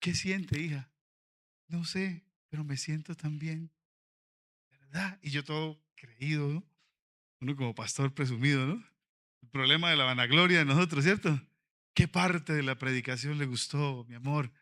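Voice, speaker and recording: A male pastor, preaching a sermon in an auditorium. He moves from quiet storytelling to fervent, shouted passages. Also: on the high side, moderate pace, long pauses. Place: convention auditorium.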